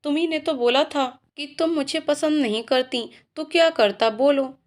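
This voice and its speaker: A woman's voice: high-pitched, normal speed, close to an everyday voice. A woman voicing a playful, loving young male professor in a told story, teasing and coaxing. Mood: pleading. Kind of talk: storytelling voices.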